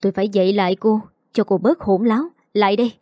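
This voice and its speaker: A woman's voice: mid-range voice, fairly even intonation, fast talker, warm tone, no echo, clean studio sound, lightly acted. A woman voicing a cold, controlling male teacher who speaks in stern commands. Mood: harsh.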